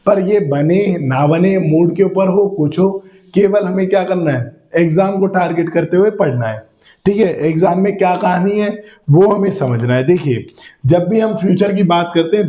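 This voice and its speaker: A man's voice: on the high side, mellow, reverberant. A man teaching a grammar lesson to a class, explaining by asking questions and repeating simple examples.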